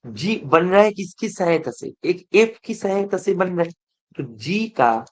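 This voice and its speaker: A man's voice: high voice, very animated, measured pace. A male math teacher giving an online exam revision lecture, mixing English terms into his talk and often asking whether students are following. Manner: keeps checking if students follow; mixes English terms into Hindi.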